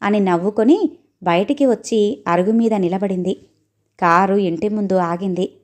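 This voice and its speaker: A woman storyteller reading an audio story aloud in a steady, expressive way. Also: medium pitch, unhurried.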